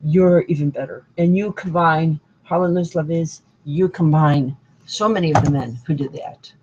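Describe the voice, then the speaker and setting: A woman's voice: low-pitched, moderate pace, darkish tone, muffled recording, slight background noise. A woman hosting an online devotional broadcast, listing names in a rambling, sing-song way. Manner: lists names in long chants, sing-song repetition. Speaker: host of a spiritual online broadcast. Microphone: online hangout broadcast.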